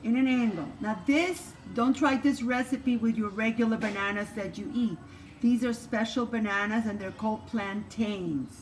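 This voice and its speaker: A woman with a fairly high pitch and moderate pace, recorded roughly with steady background noise, is an older Cuban grandmother speaking with a Cuban Spanish accent; Spanish is her native tongue. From her home kitchen she gives a homey cooking lesson and tells her life story, often starting over.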